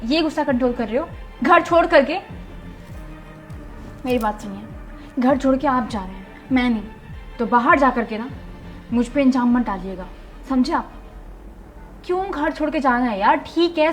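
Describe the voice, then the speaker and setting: A woman's voice: high voice, expressive, normal speed, pauses often, reverberant, soft background music, rough recording. A young woman acting a wife in a scripted sketch, defensive and scolding, pleading for forgiveness between reproaches. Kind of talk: scripted comedic monologue.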